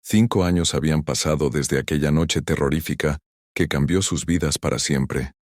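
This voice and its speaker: A man narrates a sentimental story in a measured, solemn manner. His voice sits extremely low. The recording is dry and close. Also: a little mellow, no room sound.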